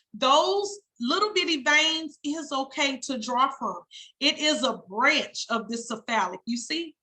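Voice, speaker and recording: A woman's voice: high voice, pushed and bright, poor audio. A woman instructor lecturing a class, spelling out terms and checking in often with "okay?". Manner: casual, folksy teaching talk. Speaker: phlebotomy instructor.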